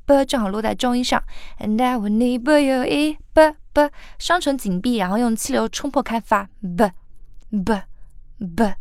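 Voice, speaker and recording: A woman's voice: on the high side, darkish tone, clean tone, no echo, studio quality. A woman teaching how to sing a song, patiently breaking lines apart and explaining the sounds. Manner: patient, sings example lines slowly then explains. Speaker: singing teacher. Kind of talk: song pronunciation lesson.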